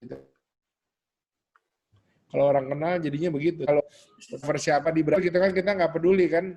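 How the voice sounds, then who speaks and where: A man giving a casual webinar talk over a video call, animated and acting out quoted voices. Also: on the high side, fast. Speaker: webinar guest speaker.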